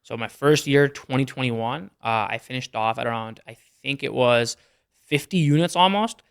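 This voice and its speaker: This is a young man from Canada, an entrepreneur guesting on a podcast, who discusses his business numbers in a casual, matter-of-fact interview and rattles them off readily. He talks at a moderate pace in a medium-pitched voice that is gravelly, slightly bright, and clean.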